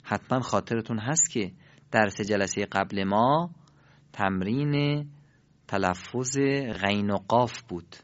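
Man, recitation teacher, recorded lesson, models sounds for repetition, muffled lo-fi audio. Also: lowish voice. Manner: demonstrates sounds slowly and asks the learners to repeat them. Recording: dull lo-fi recording.

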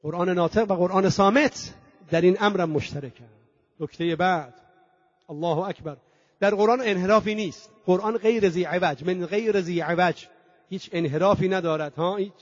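A high-voiced man delivers a mourning-gathering sermon, chanting scripture lines in a singing tone. He builds long emphatic lists and poses rhetorical questions to the congregation. The recording sounds muffled, lo-fi and very dry. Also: no echo. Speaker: preacher.

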